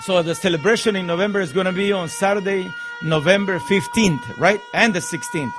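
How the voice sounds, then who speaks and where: A man with a fairly high-pitched voice hosts a live radio show from a studio. He talks to callers and listeners, stretching out his announcements like a DJ introducing guests. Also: fairly quick, over music. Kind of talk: live radio call-in hosting.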